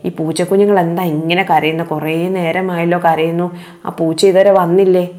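A woman's voice: lowish voice, flat delivery, normal speed, darkish tone, lightly acted. A woman voicing a worried mother pig in a told children's story, asking anxious questions. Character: worried mother pig guarding her piglets.

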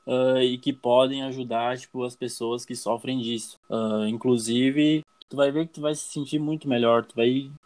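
Brazilian man, hesitant and halting. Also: mid-range voice, fairly even intonation, darkish tone. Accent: Brazilian Portuguese. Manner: hesitant, many fillers and restarts. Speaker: guest. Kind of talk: casual interview answers.

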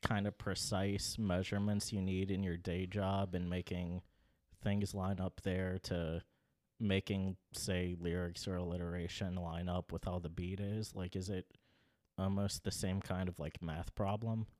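A man's voice: deep voice, flat delivery, unhurried, a little mellow. A man hosting a podcast, reading the intro and asking easygoing, conversational questions. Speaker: podcast host.

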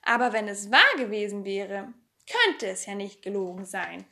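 A woman voicing a strong, wild and cheerful little girl in a storybook reading, talking loudly and cheekily. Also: medium pitch, very animated, normal speed. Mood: chatty. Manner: loud, laughing, playfully cheeky. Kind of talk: audiobook character voice.

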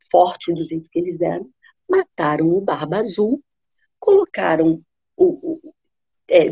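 Husky woman telling a fairy tale. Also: on the low side, lo-fi sound. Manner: animated, lively storytelling. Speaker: storyteller and co-host. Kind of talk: fairy tale retelling and discussion.

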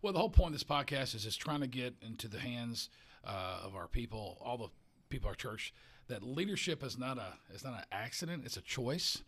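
A man's voice: medium pitch, expressive, fairly quick, fairly bright tone. A man who is a pastor, talking earnestly in a casual podcast conversation and often repeating and restarting his words.

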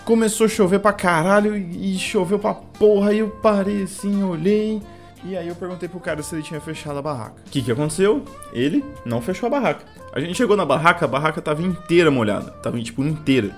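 A young man rattles off a comic anecdote at a quick clip, his voice sitting a bit high for a man. His delivery is slangy and profane and wanders off on tangents. Soft music plays faintly underneath. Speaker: storyteller. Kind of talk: casual comedic story-time.

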